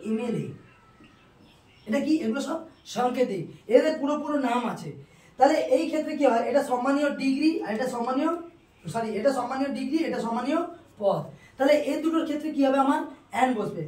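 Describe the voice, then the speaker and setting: A teacher with a high voice explains grammar in classroom style, posing a question and then answering it, repeating each point. The sound is roomy and echoing, and the speaker stands some way from the mic. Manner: asks questions and answers them, repeats to drill. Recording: roomy echo, distant mic.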